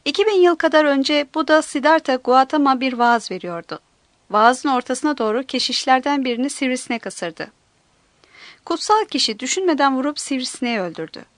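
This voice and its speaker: A woman reading a story aloud as an audiobook narrator, in an even, measured way. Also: sits high, dry recording. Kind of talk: scripted narration.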